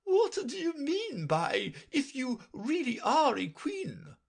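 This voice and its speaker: The Red Queen, shrill and imperious. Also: wildly swooping pitch, slow pace, gravelly, full character voice. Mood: imperious scolding. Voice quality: sharp, loud, scolding. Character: stern bossy queen, sharp and imperious.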